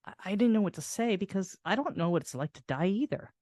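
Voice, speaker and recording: An older woman host telling a personal caregiving story in a soft, reflective way, restarting her sentences as she goes. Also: medium pitch, expressive, fast, no room sound, studio quality. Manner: reflective, soft-spoken with frequent laughs and restarts.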